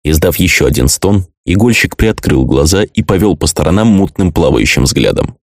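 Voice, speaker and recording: A man narrating an audiobook in a measured, even storytelling manner. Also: deep voice, dry recording, clean studio sound. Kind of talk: scripted narration.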